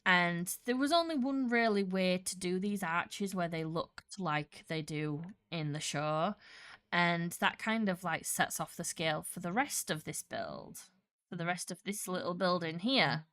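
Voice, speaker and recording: A Minecraft streamer chats casually while she builds, her voice on the low side yet fairly bright, clear, and resonant, moving at a measured pace. She rambles and often restarts her sentences, and a congested nose and a slight cough color her speech. The recording is dry, with clean studio sound.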